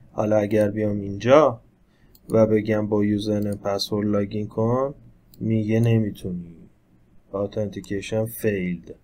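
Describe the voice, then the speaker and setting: A man's voice: medium pitch, darkish tone. A man teaching a screen-recorded tech tutorial, talking casually and explaining each step as he works the computer. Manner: conversational, explains step by step while operating the computer. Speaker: instructor.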